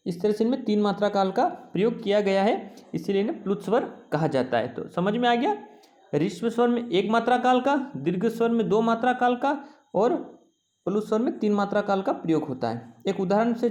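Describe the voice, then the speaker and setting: An Indian man teaches a Sanskrit classroom lesson slowly, often checking understanding with "है ना" and "ठीक है". He draws out vowels to show how long each is held. His voice is high-pitched and expressive with a darkish tone.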